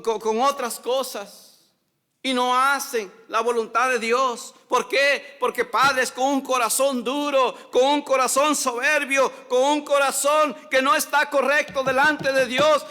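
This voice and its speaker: Male pastor, very high and bright voice, preaching in a reverberant church, loud then hushed. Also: steady tone, measured pace. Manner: preaching, repeats "hermanos" often, swings between loud and hushed. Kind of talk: sermon. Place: church hall. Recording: long church hall reverb.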